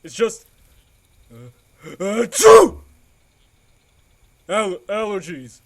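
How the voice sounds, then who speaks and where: A man's voice: on the high side, lively intonation, slow. A man voicing a timid male gorilla with allergies who apologizes and stammers. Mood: self-pitying. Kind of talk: fan audio drama acting.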